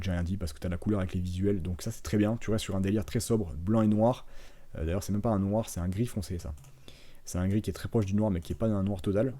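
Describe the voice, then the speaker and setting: A man's voice: on the low side, mellow. A young man, a graphic designer, giving a casual and chatty critique of viewers' brand websites, full of fillers and restarts. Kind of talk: casual screen-share critique.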